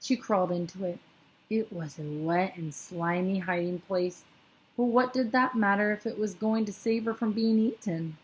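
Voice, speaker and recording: A woman reading a children's book aloud in a steady voice, with small slips and self-corrections. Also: medium pitch, normal speed, rough recording. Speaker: storyteller.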